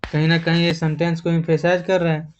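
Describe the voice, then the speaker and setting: A man teaches a grammar lesson with a slightly high voice and an even, level delivery. He goes over each term patiently and repeats it before moving on. The recording sounds somewhat dull and lo-fi. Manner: repeats terms, explains slowly and patiently. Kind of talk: explanatory lesson.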